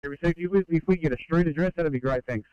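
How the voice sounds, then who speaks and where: A man's voice: on the high side, quick pace, smooth, no room sound, lo-fi sound. A man with an Australian accent calling in over a two-way radio as an emergency crew member, hesitant, with fillers and restarts. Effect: heard over a two-way radio. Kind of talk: radio call.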